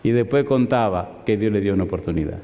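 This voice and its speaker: Un pastor que predica y cuenta una historia, imitando con viveza las voces de una llamada telefónica. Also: male voice, on the low side, quick pace. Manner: animated, acts out both sides of a phone call. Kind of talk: sermon with storytelling. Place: large hall in London. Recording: reverberant hall.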